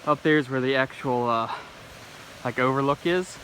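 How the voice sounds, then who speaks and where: A man giving a casual vlog commentary outdoors beside a rushing river, thinking aloud as he talks to his camera. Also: medium pitch. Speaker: vlogger and landscape photographer. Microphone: handheld phone or action camera. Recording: noisy outdoor audio with loud rushing water. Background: rushing river and waterfall noise.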